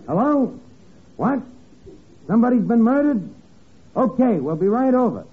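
A very high male voice with big pitch swings and a breathy edge takes its time, fully in character. The comic lead of a 1940s-50s radio sitcom, he plays a bossy, slangy tavern schemer who wisecracks, mangles his grammar, and sounds self-important. Sound quality is scratchy, noisy, and narrow-band, typical of old radio.

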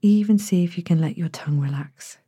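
A woman's low, very mellow voice, breathy and sliding toward a whisper, guides listeners through a bedtime body-scan meditation in sleep-story style. The sound is clean and studio-made with no room sound, and her instructions are gentle, calming, and unhurried.

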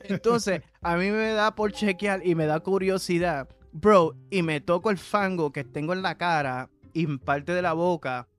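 Animated Puerto Rican man telling a story. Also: high-pitched, measured pace, hardly any pauses, soft background music. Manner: animated, laughing, slangy, mixes English words. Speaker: podcast co-host. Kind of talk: casual storytelling anecdote.

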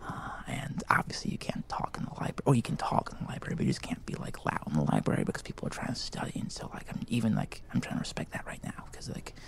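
Whispering into a handheld microphone in a library, this man voices a gawky, keen teenager who hosts a school podcast for a scripted comedy piece. The delivery is hushed but excited and rambling, full of fillers, with a fairly low, gravelly voice that is expressive at a normal pace.

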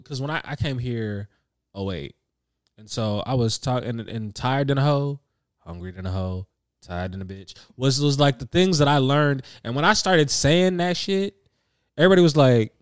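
A man co-hosting a podcast, telling stories in animated, profane casual chat. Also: medium pitch, moderate pace, dry recording, studio quality. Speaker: podcast co-host.

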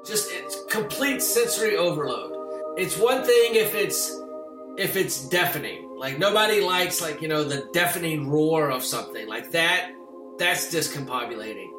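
A man tells his story in a loose, animated way, peppering it with "like" and restarts. His voice sits high, the room rings with echo, and music plays clearly underneath. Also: moderate pace. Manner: animated, lots of fillers like "like". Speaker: interviewee recounting a sailing ordeal. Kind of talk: casual storytelling interview. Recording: roomy sound with music underneath.

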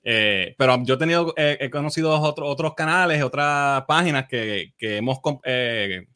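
A man's voice: medium pitch, pushed and bright, smooth. A man from Puerto Rico with a Puerto Rican accent, a content creator speaking as a podcast guest in a modest, reflective way. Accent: Puerto Rican Spanish. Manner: reflective, modest, halting with restarts. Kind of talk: casual podcast conversation.

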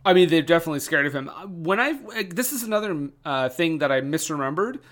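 A man's voice: on the high side, lively intonation, fast, a bit bright. A man co-hosting a casual film podcast, joking and chuckling as he talks. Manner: jokey, chuckles through talk, profane. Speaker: podcast co-host.

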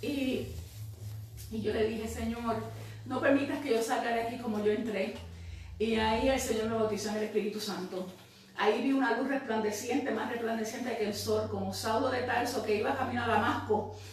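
A woman's voice: a little high, fairly even intonation, normal speed. A woman giving a spoken religious testimony, fervently breaking into praise and often adding "right?". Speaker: church member giving testimony. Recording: very echoey, distant mic, faint noise.

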